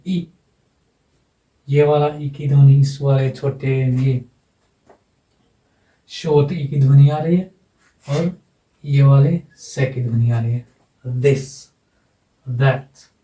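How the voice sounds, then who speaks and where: Slow, repetitive male phonetics teacher. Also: medium pitch, fairly even intonation, dark tone, reverberant, recorded from a distance, rough recording. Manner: slow, repeats each sound several times; ends phrases with a checking "है ना". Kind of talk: whiteboard phonetics lesson.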